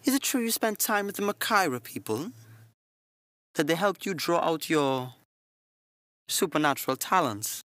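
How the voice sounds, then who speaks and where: A man voicing a calm, devout middle-aged nun who speaks with gentle, motherly earnestness. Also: a little high, normal speed, long pauses, dry recording, pitched above the performer's own voice. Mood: earnest.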